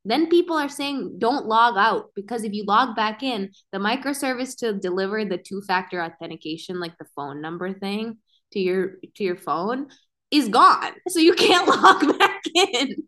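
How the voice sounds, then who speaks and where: A woman's voice: mid-range voice, expressive, moderate pace, fairly bright tone. A woman co-hosting a podcast, chatting casually in an opinionated, slangy, informal way. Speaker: podcast co-host.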